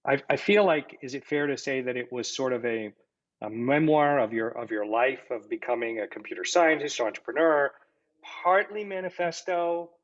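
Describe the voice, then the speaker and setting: Man, podcast host, halting questions, medium pitch, muffled lo-fi audio. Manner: hesitant, many fillers and false starts. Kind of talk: conversational interview. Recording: dull lo-fi audio.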